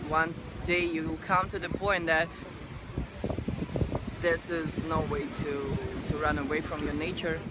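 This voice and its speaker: A woman's voice: low-pitched, flat delivery, a little slow. Woman chatting on a noisy beach. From Russia. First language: Russian. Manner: earnest and playful, laughs easily. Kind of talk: casual chat. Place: outdoors on a beach. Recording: noisy outdoor beach recording.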